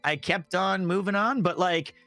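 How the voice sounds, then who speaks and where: A man and voice actor telling a strange work story in casual chat, animated and acting out the voices he quotes. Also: high voice, normal speed.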